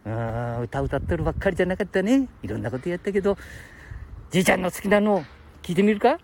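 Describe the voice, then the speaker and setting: A man's voice: high-pitched, lively intonation, quick pace, gravelly, a little mellow. Rambling old man with Aichi dialect. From Aichi, Japan. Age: 70s. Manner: rambling, chuckling reminiscence. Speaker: live streamer. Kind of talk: casual live-stream chat.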